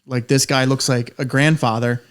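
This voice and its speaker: A man's voice: medium pitch, fairly even intonation, moderate pace, clean tone. Rambling, swearing man telling stories. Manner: rambling, profane, laughs through stories. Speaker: podcast co-host. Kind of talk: casual chat, storytelling.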